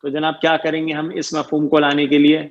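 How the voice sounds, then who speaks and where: A man's voice: a little high, completely flat delivery, muffled recording. A man teaching Arabic grammar in an online lecture. He stretches out key terms and keeps quizzing his students. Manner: repeats "ٹھیک ہے جی" and "صحیح ہے جی" often.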